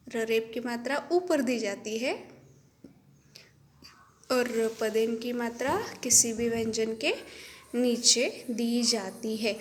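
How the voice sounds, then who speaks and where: A woman's voice: a little high, slight background noise. A woman teacher giving a children's lesson, patient and repetitive, checking in with the class often. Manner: patient, repeats each point, checks in with "ok".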